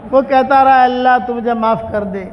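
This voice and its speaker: High-voiced male preacher in an echoey hall. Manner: animated storyteller, voicing characters in dialogue. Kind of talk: storytelling sermon. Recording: dull, muffled recording in a large reverberant hall.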